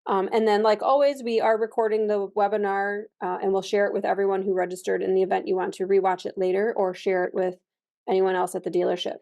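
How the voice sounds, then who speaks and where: A woman moderating a webinar, giving brisk, businesslike housekeeping notes. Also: mid-range voice, flat delivery, vocal fry, warm tone.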